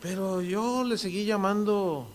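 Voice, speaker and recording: Tender older mother telling her son about faith, soft-spoken, Mexican accent, quiet and higher, put on by a preaching man. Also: unhurried, a little hiss or hum.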